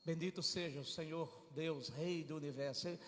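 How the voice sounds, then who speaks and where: A male pastor preaching a sermon with dramatic swings from hushed tones to shouts, backed by music. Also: on the high side, fairly even intonation, moderate pace. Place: church. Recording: reverberant hall with music behind.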